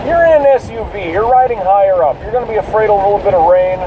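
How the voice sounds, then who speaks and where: A man's voice: high voice, fast, recorded from a distance, phone-quality sound. A man hosting a casual solo talk while driving through heavy rain, ranting and swearing at other drivers. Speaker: podcast host. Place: inside a car in heavy rain. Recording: noisy in-car recording, rain and road noise.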